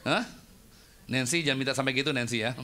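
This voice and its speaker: Bright-voiced joking male preacher. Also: mid-range voice, fast. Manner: casual joking storytelling. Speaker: pastor. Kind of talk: sermon.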